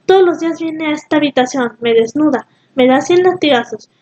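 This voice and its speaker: A woman's voice: high voice, fairly quick, a little mellow, muffled recording, close to an everyday voice. A woman voicing a young man under a spell, pleading in a storybook reading. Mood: sorrowful.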